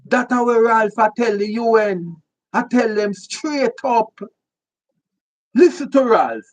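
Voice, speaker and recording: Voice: mid-range voice, animated, takes it slowly. A commentator with a Jamaican accent giving emphatic political commentary in patois, repeating points for stress. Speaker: online commentator.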